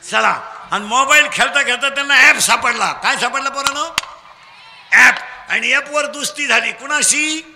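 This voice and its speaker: A man with a Khandeshi Marathi accent preaching a humorous kirtan sermon, teasing and drilling children in call-and-response and shouting prompts at them. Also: very high-pitched, normal speed, big-room sound.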